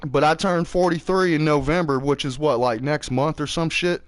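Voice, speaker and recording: A man's voice: on the high side, fairly even intonation, normal speed. A man in his early forties, chatting casually and rambling, with lots of swearing, while he plays a game. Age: 40s. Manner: rambling, profane, laid-back. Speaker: streamer. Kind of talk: casual chat while gaming.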